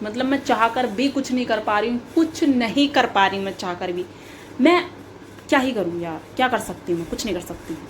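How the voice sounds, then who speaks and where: A woman's voice: a little high, slight background noise. A young woman vlogging at home by an open balcony, chatting casually and repeating herself as she complains playfully. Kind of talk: casual vlog chat. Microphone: camera on a tripod.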